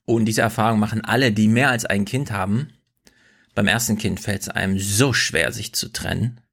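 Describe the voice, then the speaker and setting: A man's voice: lowish voice, moderate pace, creaky, a bit bright. A man in his thirties co-hosting a podcast, talking in a chatty, rambling way that often corrects itself mid-sentence. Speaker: podcast co-host. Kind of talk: casual chat.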